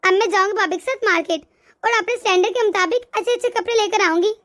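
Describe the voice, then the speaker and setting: A woman's voice: very high-pitched, fast talker, fairly bright tone. A woman voicing a snobbish young woman who looks down on others, with a haughty, dismissive manner. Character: snobbish young woman, proud of her standards. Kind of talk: cartoon voice acting.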